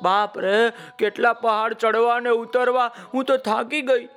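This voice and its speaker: A man voicing a brave, cheerful little female ant who sings her lines slowly. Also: extremely high pitch, little pitch movement, fairly bright tone, clear, resonant tone, faint music behind, pitched above the performer's own voice. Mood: fretful. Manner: sing-song, playful.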